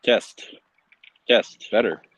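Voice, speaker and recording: A man calling in by phone to a live show, his voice repeating as a second echo right after each phrase. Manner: quiet, brief, halting sound checks. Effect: repeating echo, each phrase heard twice. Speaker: call-in guest. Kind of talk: casual live-stream chat. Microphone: phone on a call. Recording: faint distant phone call with a doubled echo.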